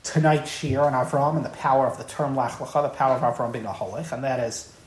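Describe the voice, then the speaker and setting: A woman's voice: a bass voice, fairly even intonation, fast talker, darkish tone. A woman giving an evening Torah lecture in an emphatic, impassioned way, often repeating key words. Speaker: Torah teacher. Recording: roomy, echoey room.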